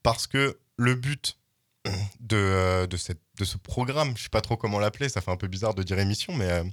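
Man, young adult, low-pitched, casual host, jokey, self-mocking. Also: normal speed, fairly bright tone. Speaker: podcast host. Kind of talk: casual chat.

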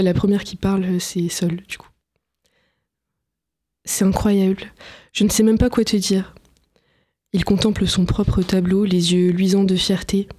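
A woman's voice: mid-range voice, dark tone. A young woman author answering interview questions, hesitant with many fillers and restarts.

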